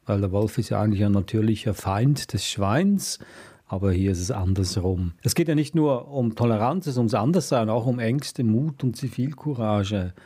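A man calmly and reflectively discussing a children's book he has just heard read. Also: lowish voice, breathy edge. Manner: measured, reflective. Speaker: book reviewer, co-host.

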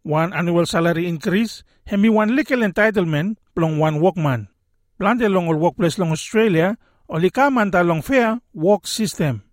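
A man's voice: high voice, normal speed, no room sound, studio quality. A man with a Solomon Islands accent presenting a scripted explainer in Solomon Islands Pidgin. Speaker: radio presenter.

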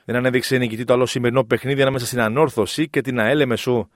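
A man's voice: mid-range voice, steady tone, no room sound. Male sports news reader, dry studio sound. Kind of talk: scripted sports news narration.

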